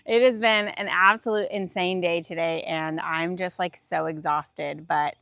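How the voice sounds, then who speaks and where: A woman's voice: on the low side, fairly even intonation, measured pace, gravelly, bright, forceful tone, no echo. A woman, chatting casually and laughing easily while vlogging outdoors in a farm garden. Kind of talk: casual vlog chat.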